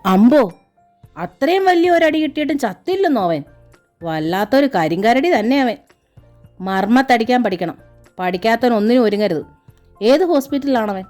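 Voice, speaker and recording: A woman's voice: on the high side, animated, moderate pace, pauses often, darkish tone, faint music behind, voice pushed up, close to an everyday voice. A woman voicing a coarse, scheming young man who sneers at a rival's survival. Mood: scornful.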